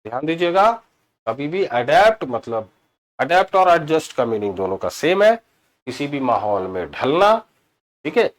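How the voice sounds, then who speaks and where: A man teaching English grammar in a classroom-style video lesson. He mixes Hindi with English terms, stresses key words and slows right down for example sentences. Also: on the high side, big pitch swings. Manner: explains in Hindi mixed with English terms, asks "ठीक है?" often.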